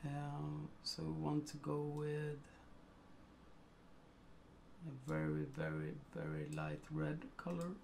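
A man's voice: on the high side, a little slow, gravelly, a little mellow, a little hiss or hum. A middle-aged man from Sweden with a Swedish accent, talking through a photo editing tutorial at his computer and thinking aloud with many ums and uhs. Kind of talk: casual screen-recorded tutorial.

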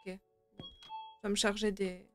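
Playing a horror game on stream at home, this young woman speaks slowly at a medium pitch with little rise and fall. Her casual let's play commentary is jumpy and full of muttered complaints and free swearing, set against game music and rain.

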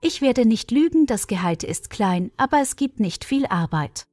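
A woman's voice: on the high side, sing-song, normal speed, darkish tone, no echo, studio quality, soft background music, voice pushed up. A woman voicing a kindly older village librarian nearing retirement, explaining patiently in a storybook reading.

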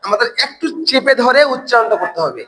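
A man's voice: very high-pitched, very animated, quick pace, sharp tone, some chatter behind, poor audio. A man teaching an online Quran recitation class. He asks the learners questions, answers them himself and repeats words over and over to drill the pronunciation.

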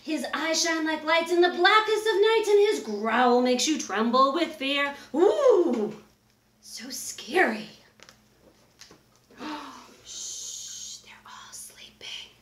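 A high-pitched middle-aged woman reads a children's picture book aloud in an exaggerated, expressive, animated way, drawing words out. She's in a small wood-paneled room indoors, and the recording is roomy and echoing.

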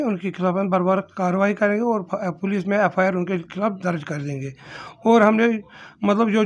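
A man's voice: sits high, muffled recording. A middle-aged man, a forest official, answering interview questions in his office into a handheld mic, hesitant and defensive with many fillers. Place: indoor office. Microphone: handheld mic held in front.

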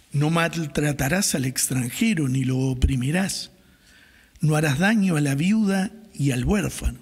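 A middle-aged man, a priest, reads the Gospel and preaches a homily in a calm, measured way from a lectern microphone in a small chapel. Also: on the high side, breathy edge. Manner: calm, measured liturgical delivery. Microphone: gooseneck microphone on the lectern. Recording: reverberant chapel sound.

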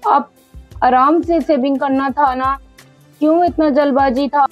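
A woman's voice: high voice, fairly even intonation, measured pace, dull audio, soft background music. A woman voicing a caring young mother.

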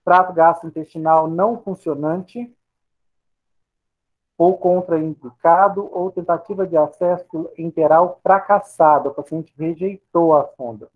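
A man's voice: on the high side, steady tone, measured pace. A man with a Brazilian Portuguese accent, a pharmacy lecturer explaining slides and asking and answering his own questions. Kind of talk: recorded lecture over slides. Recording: tinny phone-like audio.

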